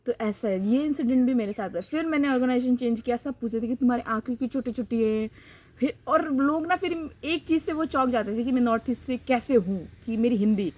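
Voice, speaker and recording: A woman's voice: on the high side, a little mellow, slight background noise. A young woman from Northeast India with a Northeast Indian Hindi accent, telling a personal story in a vlog, heated and repeating words for emphasis. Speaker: vlogger.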